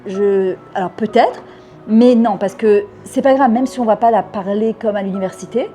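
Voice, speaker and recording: A woman's voice: mid-range voice, normal speed, mellow, faint music behind. A woman of about fifty from France, talking fervently and at length in an interview, dropping in Hebrew words. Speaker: interviewee, French immigrant. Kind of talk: casual interview talk.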